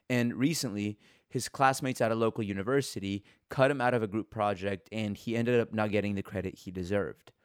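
A man reporting and hosting, telling a documentary story in a steady, earnest way. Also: on the low side, clear, resonant tone, no echo, clean studio sound. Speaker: podcast reporter and host. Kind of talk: documentary podcast narration.

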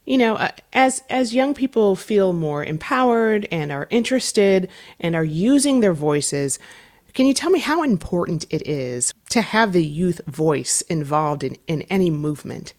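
A woman in the host's chair of a public radio show. She reads her introductions in a measured, scripted way and then puts questions to her guest. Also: on the low side, animated, darkish tone. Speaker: radio host.

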